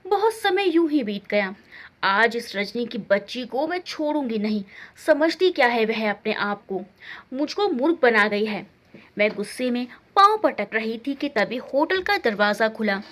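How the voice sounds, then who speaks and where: A young woman narrating a story in the first person, expressive and indignant. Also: a little high, unhurried.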